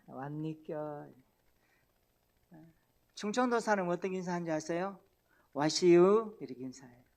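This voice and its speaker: Man, pastor, folksy sermon, joking with congregation, church sanctuary. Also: a little high. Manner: folksy, tells jokes and invites the congregation.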